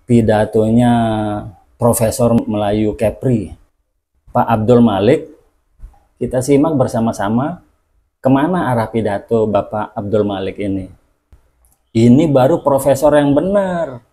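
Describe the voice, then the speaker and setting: A man's voice: medium pitch, dark tone. A man hosting his own channel, giving indignant commentary full of rhetorical questions. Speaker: channel host. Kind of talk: opinion commentary.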